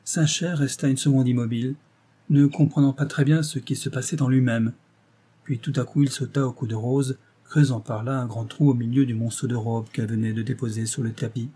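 A man narrating a novel as an audiobook in a measured, even storytelling manner. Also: mid-range voice, breathy edge.

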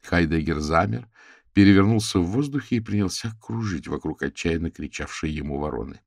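A man narrating an audiobook in an even, steady reading. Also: sits low, fairly quick, vocal fry, dry recording, clean studio sound.

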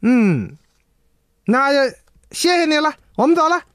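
A man doing a smug turtle demon, high. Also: big pitch swings, unhurried, a bit bright, no echo, clean studio sound, full character voice. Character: big male turtle demon, gruff and smug.

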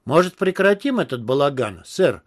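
A man's voice: on the high side, sing-song, moderate pace. A man voicing a stooped, nervous young male henchman who mumbles deferentially.

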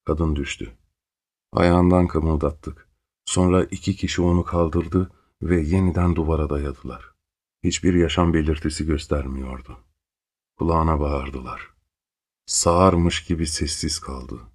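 A man reading a story aloud in a slow, grave and intense manner. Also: extremely low pitch, fairly even intonation, a little mellow. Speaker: narrator. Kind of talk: dramatic audiobook narration.

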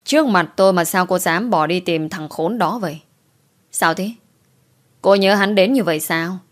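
A woman's voice: fairly low pitch, normal speed, close to an everyday voice. A woman reading as a furious male underworld boss. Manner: harsh, threatening. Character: angry domineering young male underworld boss.

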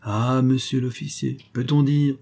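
A man's voice: mid-range voice, steady tone, a little slow, gravelly, a little mellow, pitched above the performer's own voice. A man doing a wheedling cheeky street boy. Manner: wheedling, cajoling. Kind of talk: audiobook character voice.

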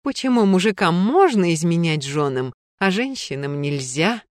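A woman reading a story, voicing a drunk middle-aged woman who weeps and pleads, rising to shrill cries. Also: expressive, moderate pace, no room sound, studio quality, natural voice. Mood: tearful.

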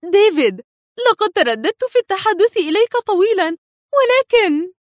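A woman reading a storybook who voices an anxious wife speaking urgently on the phone in a raised, high-pitched voice. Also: big pitch swings, normal speed, no room sound, clean studio sound.

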